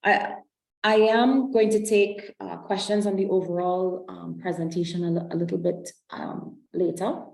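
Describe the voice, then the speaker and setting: Woman webinar presenter from Trinidad and Tobago, low and slightly gravelly, on a video call from a roomy space. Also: steady tone, moderate pace, a little mellow. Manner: explanatory, with frequent um and self-corrections. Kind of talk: online presentation walking through slides.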